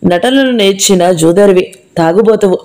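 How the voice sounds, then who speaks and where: Woman putting on a distraught young man, pleading, strained, mellow-toned. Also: mid-range voice, moderate pace, natural voice. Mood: bitter. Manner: anguished, pleading, raised and strained. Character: grief-stricken young man, wild and accusing.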